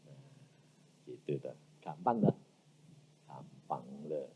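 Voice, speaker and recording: Lively preacher. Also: male voice, a bass voice, takes it slowly, slight background noise, poor audio. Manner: animated, with rhetorical questions and sudden loud outbursts; colloquial, folksy preaching. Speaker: evangelist preacher. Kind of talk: sermon.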